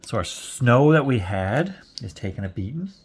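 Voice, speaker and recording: A man's voice: medium pitch, very animated, moderate pace, husky. A man in his forties chatting casually while he knits, rambling and chuckling often. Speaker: knitting vlogger. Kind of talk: casual chat while knitting.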